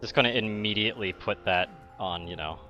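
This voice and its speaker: A man's voice: on the low side, fairly quick, muffled recording, faint music behind. A young man playing a co-op game, chatting casually, swearing and arguing about rules. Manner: argumentative, swears a lot, pedantic about rules. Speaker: co-op gamer. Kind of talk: casual gaming chat.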